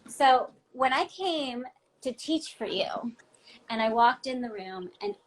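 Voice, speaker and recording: With a high, sing-song voice, she takes it slowly while answering questions in a casual video-call interview. The guest is a ballet dancer at home in her ground floor apartment, speaking candidly and emphatically with lots of "like" and "um"; the audio is poor and carries slight background noise.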